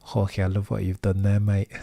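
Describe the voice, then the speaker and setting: A young Formula 1 streamer commentates live while reading chat, his gravelly voice on the low side and going hoarse. He rambles opinionatedly, tagging "right?" onto his remarks again and again.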